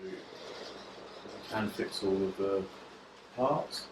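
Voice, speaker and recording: A man chatting casually in a garage workshop about restoring a car, relaxed and rambling as he explains plans. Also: deep voice, very slow, background noise. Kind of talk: casual chat while working on a car.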